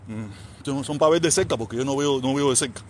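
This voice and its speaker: A man's voice: mid-range voice, brisk. A middle-aged man with a Cuban accent, boastful and rambling as he talks back to viewer comments on a live stream, recorded outdoors near an airport. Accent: Cuban Spanish. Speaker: livestream host reading viewer comments. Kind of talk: casual live-stream monologue. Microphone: phone with headphones on. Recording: outdoor traffic and plane noise.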